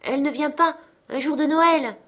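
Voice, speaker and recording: A woman's voice: mid-range voice, animated, normal speed, lightly acted. A woman reading a storybook voices a poor, loving father, earnest and emotional. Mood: dismayed. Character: poor, loving father Bob, cheerful then saddened.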